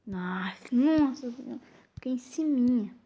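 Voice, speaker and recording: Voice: mid-range voice, lively intonation, slow pace, warm tone, lo-fi sound. A Brazilian with a tongue-tied, slushy lisp in a woman's or child's register, giving casual, muttered commentary while playing a quiz game. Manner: informal, muttering reactions to the game. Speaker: gaming video host.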